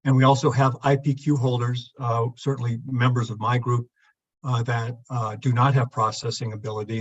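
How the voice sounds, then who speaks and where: A man giving formal testimony over a remote call line, his voice muffled as if heard through a wall, in a measured, technical way. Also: medium pitch, slightly rough. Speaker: public testifier at a council meeting. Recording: dull muffled lo-fi remote audio.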